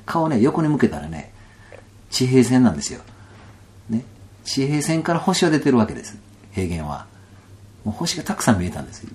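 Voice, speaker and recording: Lively Kansai man telling a story. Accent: Kansai Japanese. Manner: animated storyteller, laughs often, drops to soft low asides. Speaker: guest telling a personal story. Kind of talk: storytelling in casual interview.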